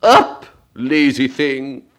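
A man voicing a furious, tyrannical queen who shouts her orders in a shrill voice. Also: lively intonation, very slow. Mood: imperious.

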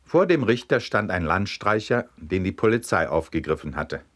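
A man with a low voice narrates humorous anecdotes as scripted storytelling. He reads with lively, animated swings in pitch, slowing down for the punchlines.

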